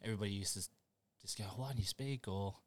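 A man's voice: on the low side, quick pace, dry recording. A young man, a podcast guest chatting casually, laid-back and laughing often as he trails off mid-sentence. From New Zealand. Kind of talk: casual chat.

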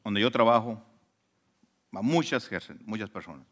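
A man preaching a sermon as a pastor, conversational and animated, often asking rhetorical questions. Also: fairly low pitch, a little slow.

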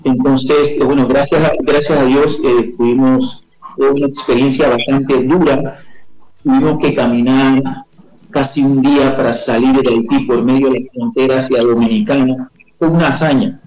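A man's voice: medium pitch, fairly even intonation, normal speed, darkish tone, roomy sound, poor audio. A man, telling his life story as an interview guest, rambling with many fillers and restarts. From Panama.

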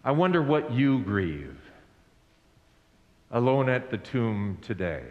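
A male pastor preaching an Easter sermon in a slow, deliberate way. He asks the congregation to repeat lines after him. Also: mid-range voice, very animated, phone-quality sound. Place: church sanctuary. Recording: echoey hall with long reverb.

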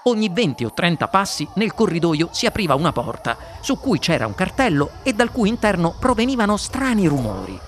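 A man reading a children's story aloud with an expressive, animated delivery. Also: sits high, a little fast, few pauses. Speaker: audiobook reader. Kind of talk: storybook narration.

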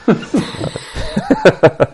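A Berlin man in his fifties, originally from West Berlin, shares his story as a podcast guest with a Berlin accent. He speaks in a relaxed, reflective way, with lots of ums and pauses, as in casual conversational storytelling.

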